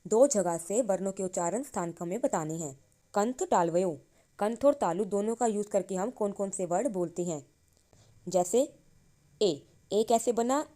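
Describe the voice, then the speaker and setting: Speaking in a warm, lowish voice, a woman gives a Sanskrit grammar lesson in Hindi. She reads slowly, drawing out the syllables, and asks questions only to answer them herself.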